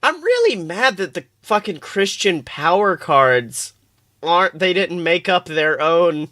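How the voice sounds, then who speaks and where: Here the same young podcast co-host sounds on the low side and a bit slow, captured in a dry, clean studio recording. Her storytelling is lively and profane, full of acted-out quotes in a loose, comedic chat.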